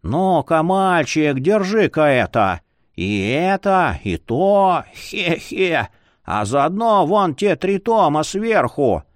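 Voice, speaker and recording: A man doing a creaky cackling old librarian. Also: a little high, very animated, slow. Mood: jovial. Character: creaky old male bookkeeper, jovial and wheedling.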